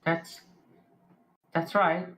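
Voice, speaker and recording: A player in casual tabletop role-play who speaks clearly and a little primly. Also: extremely slow, fairly bright tone. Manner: prim, prides themselves on clear speech.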